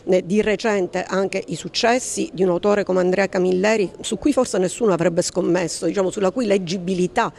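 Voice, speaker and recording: A woman's voice: mid-range voice, fairly even intonation, moderate pace, gravelly, hardly any pauses, a little mellow. A woman giving a formal, articulate statement as an interviewee.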